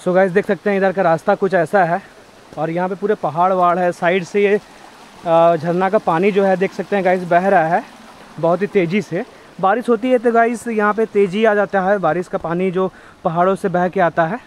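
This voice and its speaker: Out on a hill path beside a waterfall, a travel vlogger with a high, steady voice chats at normal speed to his viewers, calling them "guys." There's slight background noise.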